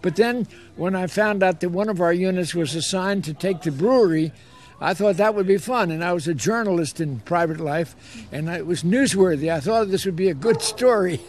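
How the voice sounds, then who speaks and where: A man's voice: sits high, moderate pace, darkish tone. An elderly American man, an old war veteran, remembering his service in an interview, telling it unhurriedly and repeating words for emphasis. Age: 80s or older. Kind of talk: reminiscing in an interview.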